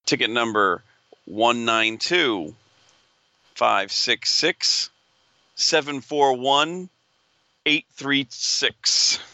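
Bright-voiced man calling numbers like a raffle caller. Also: mid-range voice, dry recording. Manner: reads ticket numbers in slow, deliberate groups of three. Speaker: podcast co-host.

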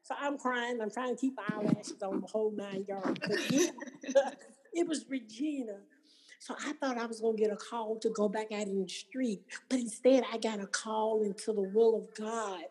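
A woman's voice: mid-range voice, fairly even intonation, moderate pace, few pauses, darkish tone, low-quality recording. A woman telling her own recovery story to an audience, acting out what others said. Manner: storytelling, acting out quoted voices. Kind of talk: personal testimony to an audience.

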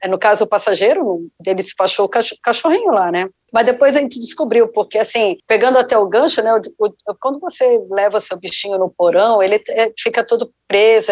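A woman in her fifties, a former flight attendant, telling stories in an animated way and acting out the dialogue with lively voices. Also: a little high, fairly quick, few pauses, no echo. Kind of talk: animated storytelling. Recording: dull lo-fi dry sound.

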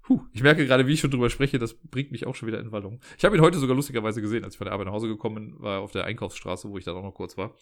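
A man's voice: fairly low pitch, rapid-fire, few pauses. A man telling a story in a chatty, exasperated rant from his living room, often tagging his sentences with a questioning "ne?".

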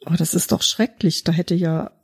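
A woman's voice: lowish voice, steady tone, brisk, vocal fry, a little mellow, slightly rough, full character voice. A woman playing a polite young Victorian lady hostess who speaks graciously, with hesitant fillers.

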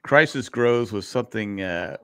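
A man co-hosting a podcast talks in a rambling, stammering way, often restarting his sentences. His voice sits fairly low, and the sound is dry and close. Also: a little slow, pushed and bright, clear, resonant tone, no room sound. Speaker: podcast co-host. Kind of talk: casual chat.

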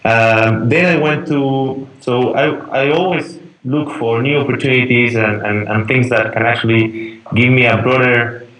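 A man's voice: medium pitch, fairly even intonation, unhurried, a bit bright, rough recording. A young man from Chile with a Chilean accent, a guest on a podcast, answering casually and often restarting and searching for words. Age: young adult.

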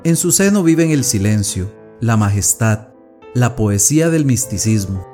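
A man narrating a classic tale as a scripted audiobook, reading in a measured, solemn way. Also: on the low side, lively intonation, warm tone, soft background music.

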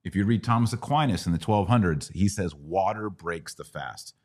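A middle-aged American man hosts a conversational Q&A podcast on religious questions, teaching didactically and checking in with rhetorical questions. His voice sits low, sounding husky and a little mellow, expressive and moderately paced.

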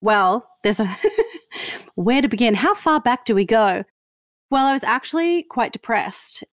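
Her voice is fairly high and a little slow, recorded in a clean studio with no echo. She is a woman in her fifties from Australia with a slightly Canadian-tinged Australian accent, a self-mocking, frequently laughing storyteller chatting casually as an interview guest.

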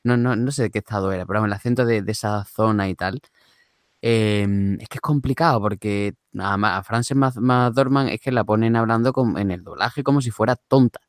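A man with a Spain Spanish accent, casually discussing films and pausing to restart phrases as he searches for words. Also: on the low side, no room sound, clean studio sound.

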